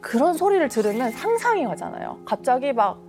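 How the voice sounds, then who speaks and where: A woman working as a divorce lawyer, telling case stories on a talk panel in an animated way and acting out the voices of the people in them. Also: high-pitched, fairly quick, soft background music. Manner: animated, acts out quoted voices.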